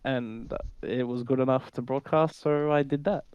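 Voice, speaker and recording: A man's voice: medium pitch, steady tone, moderate pace, noisy background. A young man, a university student, telling a rambling, filler-heavy story in casual chat and swearing offhandedly. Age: young adult. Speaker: co-host, player. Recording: dull lo-fi voice call audio.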